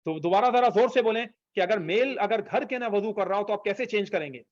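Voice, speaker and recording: A man's voice: sits high, no echo, lo-fi sound. A man teaching an online language class, patiently repeating phrases for students to copy. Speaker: Arabic teacher.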